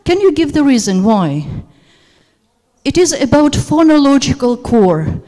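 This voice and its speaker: This teacher trainer, a native Russian speaker, has a high voice with big pitch swings, a dark tone and a measured pace. She hesitates a great deal, peppering her workshop lecture in a seminar room with fillers. The recording, made on a handheld microphone, has hall reverb.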